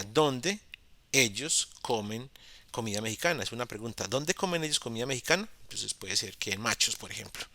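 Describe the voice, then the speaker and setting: Male teacher, bright and forceful tone, close dry mic; patient, repetitive explainer. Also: on the low side, dry recording. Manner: patient, repeats key points, many fillers. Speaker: English teacher. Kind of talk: explanatory lesson for beginners.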